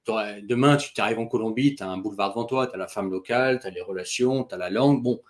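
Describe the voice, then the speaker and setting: A man with a slightly low voice acts as interviewer. He speaks conversationally and informally, in everyday colloquial phrasing. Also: fast.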